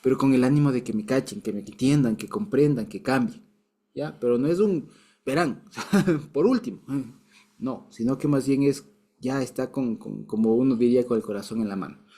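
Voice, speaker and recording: A man's voice: mid-range voice, normal speed, mellow, breathy edge. A man teaching a casual Bible lesson, explaining patiently with restarts and light chuckles.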